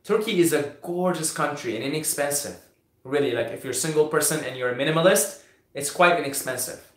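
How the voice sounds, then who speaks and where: Answering viewer questions on a casual live Q&A stream, a young Syrian-born host speaks fairly quickly in a slightly high voice. He frequently repeats himself, using fillers and restarts, and the room sounds echoey.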